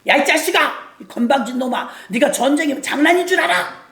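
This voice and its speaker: A woman acting out an angry, bullying older brother who shouts insults, in a roomy, echoey church. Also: high-pitched, animated, fast talker. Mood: scolding.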